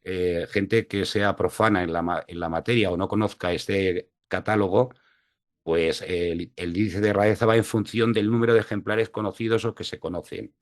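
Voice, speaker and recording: Low-voiced hesitant male lecturer. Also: steady tone, normal speed. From La Mancha, Spain. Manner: hesitant, many fillers. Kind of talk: online lecture. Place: home, video call. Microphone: video call mic.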